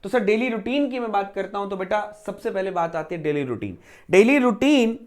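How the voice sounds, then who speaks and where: Speaking a little fast in a high, expressive voice, a man lectures on exam preparation. He keeps asking himself rhetorical questions and repeating key phrases so every point lands.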